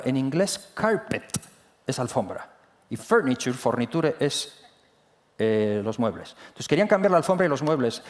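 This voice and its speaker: A man preaching a sermon in a church, talking conversationally and often restarting his phrases. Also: medium pitch. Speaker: pastor. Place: church hall.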